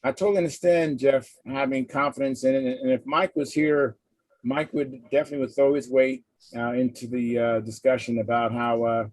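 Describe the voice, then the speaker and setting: A man hosting a casual live hangout, chatting in a halting, conversational way and reading out comments. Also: mid-range voice, steady tone, a little mellow, no echo, low-quality recording. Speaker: host of a hobby livestream hangout. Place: live online video hangout.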